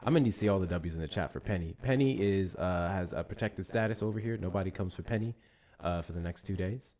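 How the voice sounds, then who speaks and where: A man hosting a live stream talks quickly in a deep, mellow voice, chatting loosely with viewers. Gift thank-yous come often, and he repeats himself along the way.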